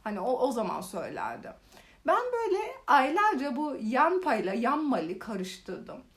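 A young woman casually telling funny stories in a vlog, animated and exaggerated. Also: fairly high pitch, normal speed. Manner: animated, exaggerated retelling with laughs. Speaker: vlogger. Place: living in Korea.

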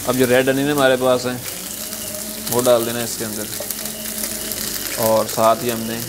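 Flat-voiced man explaining cooking steps. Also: mid-range voice, moderate pace. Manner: calm, repeats "achha ji" between steps. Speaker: cooking show chef. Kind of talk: step-by-step cooking instruction. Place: restaurant kitchen at a gas stove. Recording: loud sizzling frying noise behind.

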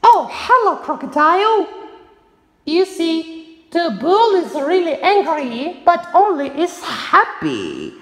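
A woman tells a children's cartoon story in a slow, exaggerated sing-song way. Her voice is very high and swoops wildly up and down. The recording is echoey, with a long reverb tail. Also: huge pitch swings. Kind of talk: playful retelling of a children's cartoon.

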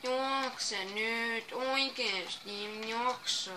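A woman doing let's-play game commentary, excitable, shouting commands and exclamations at the game. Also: a little high, noisy background. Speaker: gameplay commentator.

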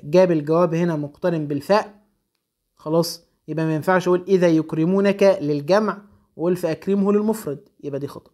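A young Egyptian grammar teacher walks through exam exercises at a rapid clip, slowing only to stress each answer. His voice sits high for a man. He explains in a brisk, practical way. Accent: Egyptian Arabic. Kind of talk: recorded exam-prep lesson.

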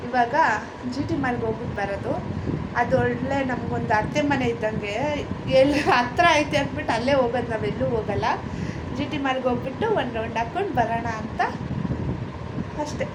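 Woman vlogger, higher voice, quick chatty delivery on a phone mic, heavy traffic noise. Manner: chatty, talks straight to viewers. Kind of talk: casual vlog chat. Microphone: handheld phone. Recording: loud background noise, traffic.

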